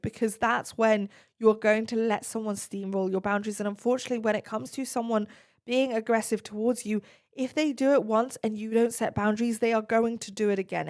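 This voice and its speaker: A woman hosting an advice podcast, answering listener questions in an earnest, direct and reassuring way. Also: fairly high pitch.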